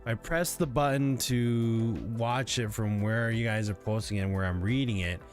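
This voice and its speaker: Chill guy streaming from home, kinda sleepy, rambly, soft music under him. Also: medium pitch, normal speed. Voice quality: relaxed, rambling, lots of fillers. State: sleepy, yawning. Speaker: livestreamer. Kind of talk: casual chat with viewers.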